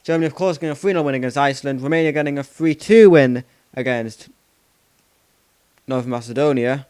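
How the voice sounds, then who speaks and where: Smooth-voiced man recapping football results. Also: mid-range voice, fairly quick, a little mellow, no echo. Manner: rambling, self-correcting, repeats "of course". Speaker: football channel host.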